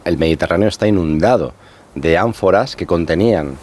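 A man, an underwater archaeologist being interviewed, explaining in a measured, patient way with pauses. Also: deep voice, darkish tone, a little hiss or hum. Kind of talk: explanatory radio interview talk.

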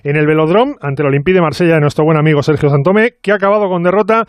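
Male sports host, Castilian Spanish, brisk radio delivery at high speed in a dry studio. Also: no echo. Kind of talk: brisk radio news round-up and chat.

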